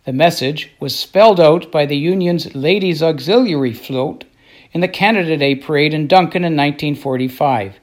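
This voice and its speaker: Higher-voiced male documentary narrator. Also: moderate pace.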